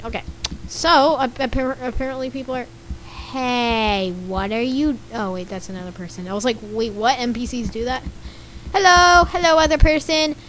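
A young woman YouTuber narrates her gameplay in a fairly high, a bit bright, slightly scratchy voice. She's chatty and giggly, reading the game chat out loud and reacting to what she sees there.

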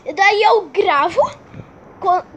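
A woman's voice: very high-pitched, takes it slowly. A woman with a Brazilian accent vlogging casually at home, dramatic and exclaiming, repeating words for effect. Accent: Brazilian Portuguese. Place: at home, moving between rooms and garage.

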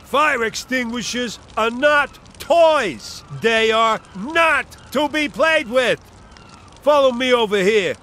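A man's voice: extremely high pitch, expressive, slow, sharp tone, exaggerated voice. An actor voicing a bossy, blustery male fire chief in a kids' cartoon, drilling a new recruit. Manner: blustery, commanding.

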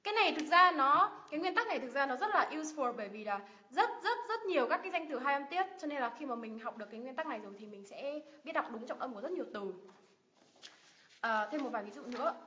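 Bright high-voiced Vietnamese woman teacher. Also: lively intonation, fast talker. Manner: repeats words with emphatic stress, asks viewers questions. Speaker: English pronunciation teacher. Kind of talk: livestream lesson, drilling words. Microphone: livestream mic. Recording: dull lo-fi livestream audio.

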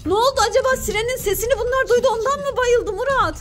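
A woman in her thirties, a mother hosting a playful family vlog, talking in an excitable, mock-frightened, teasing way. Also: very high voice, quick pace, background noise.

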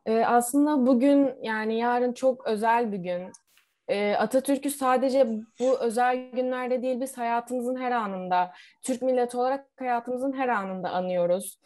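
A young woman giving an informal short speech, earnest and pausing, on a headset video call. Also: fairly high pitch, a little mellow. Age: young adult. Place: room at home, indoors. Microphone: earphone headset, video call.

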